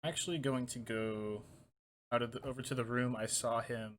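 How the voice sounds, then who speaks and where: A man's voice: medium pitch, steady tone, moderate pace, slight background noise. Man, tabletop player, casual, mid-range voice. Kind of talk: tabletop role-play.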